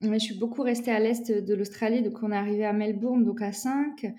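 A woman's voice: medium pitch, steady tone, brisk, warm tone. A young woman from France, a guest in a casual interview, talking loosely with many fillers and restarts.

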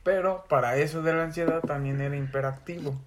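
A man's voice: fairly high pitch, fairly even intonation, brisk, background noise. A young man with a Mexican Spanish accent, a podcast co-host talking in a casual, slangy way and swearing often. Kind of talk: casual chat.

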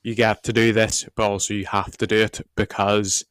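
Preacher, male, croaky, reflective and hedging, flat even delivery, dry close sound. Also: lowish voice, normal speed, no room sound. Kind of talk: podcast discussion.

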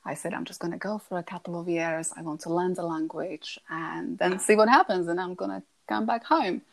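A woman in her thirties from Slovakia with a Slovak accent, soft-spoken and hesitant as a podcast guest. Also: lowish voice, a little fast, gravelly. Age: 30s. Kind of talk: conversational interview.

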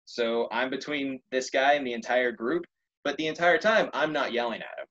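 Animated young man telling a story. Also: mid-range voice, normal speed, muffled recording. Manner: animated, laughs often, swears casually. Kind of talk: casual storytelling.

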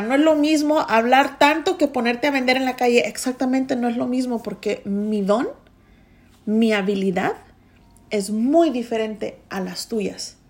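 Anfitriona de pódcast: mujer joven, voz un poco alta, habla con mucha intensidad y énfasis. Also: female voice, on the high side. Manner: intense and emphatic. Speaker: podcast host. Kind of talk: motivational podcast monologue.

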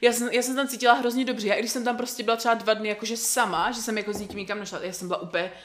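A woman's voice: fairly high pitch, fairly even intonation, crowd noise. Chatty young woman rambling casually. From Czech Republic. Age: young adult. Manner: chatty, rambling, many fillers and restarts. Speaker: guest telling about a language course abroad. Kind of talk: casual chat.

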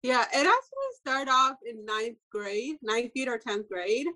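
A young woman from Ethiopia, a fashion designer, giving a relaxed interview with frequent soft laughs and filler words. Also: a little high, measured pace, low-quality recording. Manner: soft-spoken, laughs often, many fillers. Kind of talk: casual interview answers.

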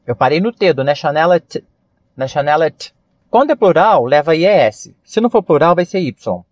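A Brazilian man teaching English vocabulary on a podcast, spelling words out letter by letter and repeating slow model pronunciations. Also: on the high side, dry recording. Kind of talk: podcast language lesson. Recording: dull lo-fi dry recording.

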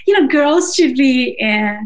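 A crowd can be heard behind this singer-songwriter as she chats in a casual interview. Her voice sits high and is expressive, and she talks haltingly, searching for words and asking "right?", her first languages being Russian and Georgian.

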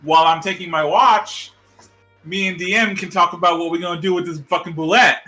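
A man's voice: sits high, steady tone, fairly quick, pushed and bright, soft background music. A man playing a tabletop game, talking in an enthusiastic, joking way with stumbling restarts. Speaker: player. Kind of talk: casual tabletop game chat.

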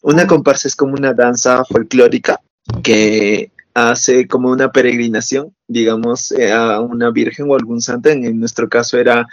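A man's voice: medium pitch, steady tone, normal speed, dry recording, muffled recording. A man in his twenties from Peru with a Peruvian Spanish accent, an enthusiastic guest who laughs often while chatting in an interview. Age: 20s. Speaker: guest dancer. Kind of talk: casual interview chat.

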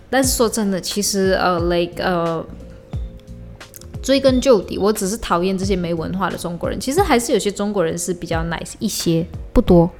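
A woman's voice: a little high, a little mellow. A woman hosting a solo podcast, talking in a heated, blunt, profane way and slipping in English slang. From Malaysia. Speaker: podcast host. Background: faint lo-fi hip-hop beat.

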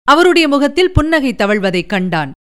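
A woman narrating a novel as a scripted radio story reading, measured and expressive. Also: high voice.

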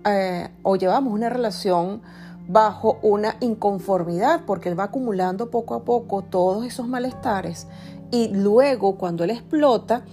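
A woman's voice: mid-range voice, normal speed, dark tone, soft background music. A woman podcast host, telling a story in a chatty, confiding way and speaking straight to her listeners. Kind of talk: casual storytelling.

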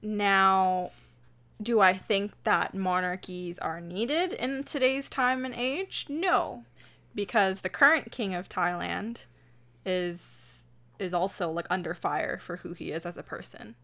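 A woman's voice: medium pitch, slow, bright, forceful tone. A woman co-hosting a casual podcast, hesitant with many fillers and frequent giggles. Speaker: podcast co-host. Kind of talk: casual chat.

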